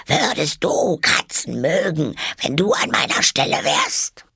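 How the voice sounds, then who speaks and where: A man's voice: fairly high pitch, sing-song, a little slow, creaky, sharp tone, breathy edge, dry recording, studio quality, voice pushed up, exaggerated voice. A man putting on a shrieking, touchy little mouse. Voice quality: shrieking, angry.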